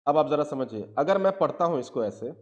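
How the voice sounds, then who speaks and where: A man lectures on law in a fairly high voice. He keeps asking his students whether they are following him, and he spells out each definition slowly. Every few sentences he turns the point back to them as a question. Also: expressive. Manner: asks students constant check questions; reads legal definitions slowly word by word. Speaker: teacher.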